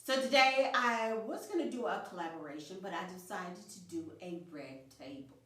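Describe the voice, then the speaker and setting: A woman's voice: medium pitch, moderate pace, a bit bright. A woman in her fifties hosting a casual chat with friends, upbeat and chatty. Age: 50s. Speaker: channel host. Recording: echoey room, voice from far off.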